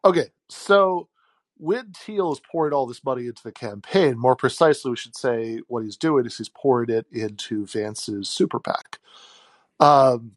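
A man hosting an informal solo commentary show, speaking haltingly and off the cuff into a handheld phone. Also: medium pitch, no echo. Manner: halting, chuckles mid-sentence. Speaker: podcast host taking callers. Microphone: phone held like a call, no headset.

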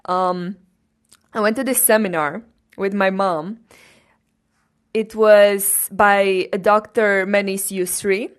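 A young woman from Romania hosting her own podcast, telling her personal story in an earnest, grateful, unhurried way. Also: medium pitch, fairly even intonation. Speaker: podcast host. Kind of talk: casual personal monologue.

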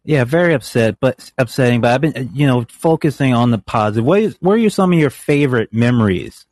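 A man's voice: mid-range voice, expressive, quick pace, a little mellow, no echo. A man hosting a wrestling call-in podcast, talking casually and enthusiastically to his panel and laughing often. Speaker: podcast host.

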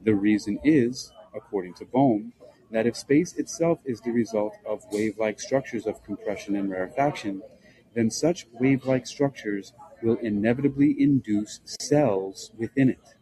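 A man reading a nonfiction book aloud in a measured, formal, scholarly way, with a husky, rough-edged voice. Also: on the low side, mellow, poor audio. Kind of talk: scripted narration, reading aloud.

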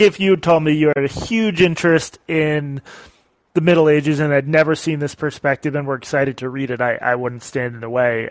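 A man's voice: on the high side, no echo, poor audio. A male podcast host taking calls, talking casually and thoughtfully, often trailing off with fillers. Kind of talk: casual call-in chat.

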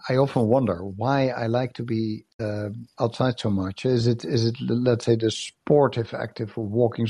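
Recorded over call-in app audio, a podcast co-host with a mid-range, dark voice chats casually. He is losing his voice, clears his throat, and often repeats words as he restarts his thoughts.

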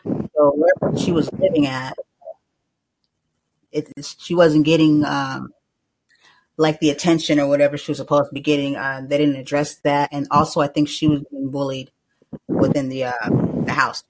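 A man's voice: fairly high pitch, flat delivery, normal speed, long pauses, poor audio. A young man hosting a live call-in podcast, talking loosely and rambling, with a lot of filler words and some swearing. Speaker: host.

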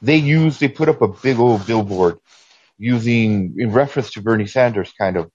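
A man's voice: lowish voice, a little mellow, slightly rough. Rambling male caller over the phone. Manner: rambling, halting, with many restarts. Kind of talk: call-in chat. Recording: dull phone line with faint noise.

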